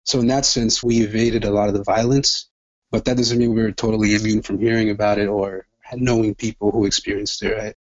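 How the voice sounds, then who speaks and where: A man in his twenties, originally from El Salvador and brought up in Los Angeles, talks fairly quickly in a lowish, level voice, with the highs cut off in the recording. As a doctoral student guest in a conversational interview, he's reflective and thoughtful, restarting often.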